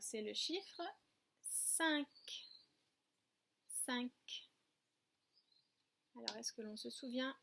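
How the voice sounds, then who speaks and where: A woman kindergarten teacher giving a home video lesson to young children, with slow, patient instructions, counting aloud and repeating words. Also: on the high side, vocal fry, a little hiss or hum.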